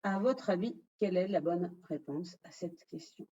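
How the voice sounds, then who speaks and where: A woman's voice: on the low side, normal speed, dark tone, husky, lo-fi sound. A French-speaking woman presenting a quiz in an online webinar, addressing the audience directly and revealing the answers.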